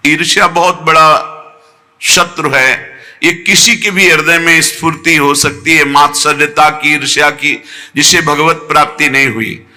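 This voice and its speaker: A man giving a devotional sermon, telling a story and slowing down to chant Sanskrit verses. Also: a little high, pushed and bright. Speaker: spiritual teacher. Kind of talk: Hindi satsang discourse.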